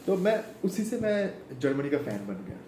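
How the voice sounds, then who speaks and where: A man's voice: a little high, very animated, moderate pace, mellow, roomy sound, a little hiss or hum, poor audio. A young man from Kolkata with an Indian accent, chatting casually about football in a rambling way, full of fillers and restarts. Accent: Indian English, Bengali. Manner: rambling, code-switching, many fillers and restarts. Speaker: football vlogger. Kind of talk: casual chat to camera.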